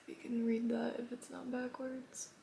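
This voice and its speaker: A woman's voice: on the high side, completely flat delivery, moderate pace, creaky, dark tone, slight background noise. A woman giving a casual, chatty makeup tutorial, rambling and often dropping to a whisper. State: a bit out of breath. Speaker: makeup vlogger.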